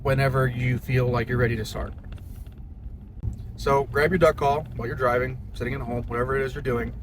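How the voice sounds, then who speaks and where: Here a young hobby duck caller with a steady, mid-range voice talks a little fast, casually and plainly explaining how to do it like a hobbyist teaching a skill. Car and ambient noise make for a noisy recording.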